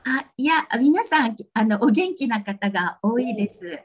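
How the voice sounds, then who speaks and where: Woman, cute high anime-style voice, husky breathy texture, polite, hesitant, radio interview guest. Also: very animated, unhurried. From Japan, lives in Hiroshima Prefecture. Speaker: radio guest, fitness exercise instructor.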